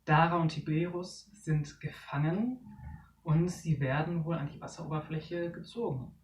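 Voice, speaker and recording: Storybook narrator, measured reading, roomy and far from the mic. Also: mid-range voice. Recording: echoey room, distant mic, faint noise.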